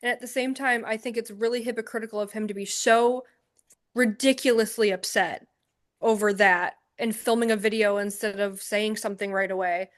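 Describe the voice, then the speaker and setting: A woman's voice: medium pitch, fairly even intonation. A woman co-hosting a podcast in casual chat, sounding exasperated and critical. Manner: exasperated, critical, mimics in quick asides. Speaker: podcast co-host.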